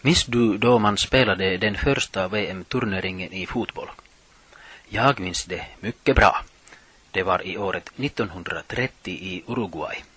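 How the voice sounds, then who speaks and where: Male radio presenter, middle-aged, low husky voice, plain scripted read. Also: a bit bright. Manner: reads from notes, measured and plain.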